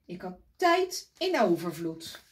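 A woman's voice: fairly low pitch, sing-song, takes it slowly. A woman voicing a worried male elephant in a picture book she reads aloud, talking in an earnest, fretting way. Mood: fretful. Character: fretful male elephant, anxious about time.

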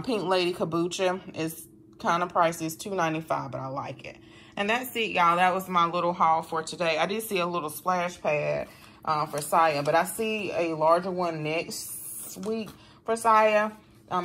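Chatty low-voiced woman. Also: a bit bright, slight background noise. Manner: rambling, chatty, addresses viewers as y'all. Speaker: vlogger showing a grocery haul. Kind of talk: casual chat to viewers. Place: home kitchen, indoors.

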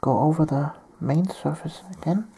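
A woman from Germany, talking softly through a painting tutorial while she has a cold and keeps clearing her throat. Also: low-pitched, moderate pace. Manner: soft-spoken, often near a whisper. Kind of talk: step-by-step tutorial narration.

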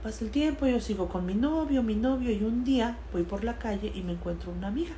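A Mexican woman telling a personal story in a casual, conversational way, with frequent fillers and a voice that trails off softly. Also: fairly high pitch, lively intonation, fast talker, a little hiss or hum. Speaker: storyteller sharing a personal experience.

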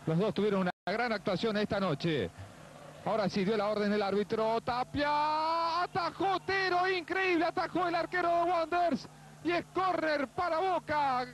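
This is a male football commentator. His voice rides very high and emphatic as he calls the play live. Clear noise sits behind him, as on an old TV broadcast. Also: moderate pace. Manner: excitable, emphatic. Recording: noisy old television broadcast. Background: clear stadium noise.

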